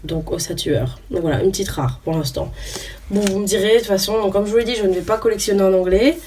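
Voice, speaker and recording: A woman's voice: mid-range voice, fast talker, warm tone, slightly rough. A young woman chatting casually as she opens trading cards, hesitant with lots of fillers, reading each card name aloud. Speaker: YouTuber opening trading cards. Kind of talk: casual unboxing chat. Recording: voice a bit far from the mic, faint noise.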